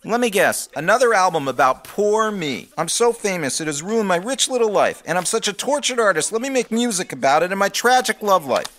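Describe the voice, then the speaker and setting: A man performs a raging male record executive in a comedy album skit. He is sarcastic and bullying, with a high, sharp voice that swings wildly as he mocks and accuses. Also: lively intonation, brisk, few pauses. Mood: mocking sarcasm. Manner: caustic, mocking, profane, confrontational.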